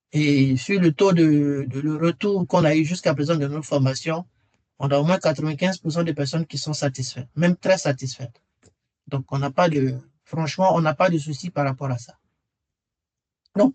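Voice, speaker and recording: A man's voice: on the high side, moderate pace, a little mellow, no room sound. A man presenting a webinar and earnestly persuading listeners to join his training course, repeating key phrases for emphasis. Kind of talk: webinar sales pitch.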